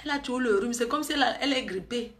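A woman's voice: on the high side, racing, a bit bright. A woman, chatting and gossiping on a live stream, teasing and often laughing.

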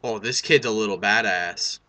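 Bright, forceful young man gaming. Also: on the low side, moderate pace. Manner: sweary, joking, reactive. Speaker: gaming video host. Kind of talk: casual let's play commentary.

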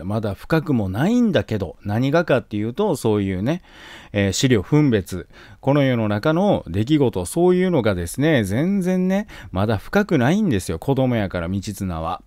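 A man's voice: medium pitch, normal speed, no echo. Man with a Kansai accent, teacher, joking, wildly swooping voice, dry sound. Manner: joking, animated, acts out scenes. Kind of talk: exam-prep lesson on classical literature.

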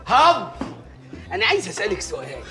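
A blustering Egyptian village mayor. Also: male voice, high-pitched, wildly swooping pitch, heavily acted. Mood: mocking. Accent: Egyptian Arabic. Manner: rapid, loud, exasperated comic banter. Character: blustering hot-tempered village mayor, middle-aged man. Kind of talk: comedic film acting.

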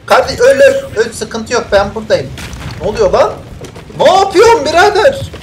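Excitable gamer with a lively, swinging voice. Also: sits high, normal speed, slight background noise. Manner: excitable, shouting bursts between muttered asides; jokey, throws in mock-Italian phrases. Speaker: gameplay streamer. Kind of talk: live gameplay commentary.

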